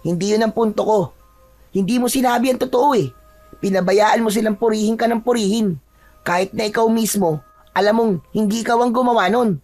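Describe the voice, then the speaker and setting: A man's voice: sits high, brisk, darkish tone, faint music behind, voice pushed up. A man voicing a young chieftain's son who speaks in a reproachful, wounded way, in a storybook tale. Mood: resentful.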